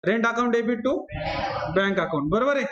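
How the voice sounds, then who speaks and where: A man's voice: very high-pitched, expressive, slow pace, lo-fi sound, a crowd in the background. A man with a Marathi accent teaching accountancy to a class, repeating rules and calling on students by name. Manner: drills rules by repetition, quizzes students by name. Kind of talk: classroom lecture. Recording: echoey classroom.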